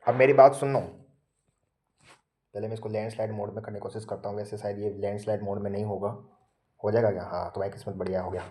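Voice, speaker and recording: A man's voice: on the low side, level tone, racing, mellow. A man teaching a nursing class, casually asking and answering his own questions while walking through diagrams. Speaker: nursing tutor. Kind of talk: casual lecture explaining diagrams. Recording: echoey room.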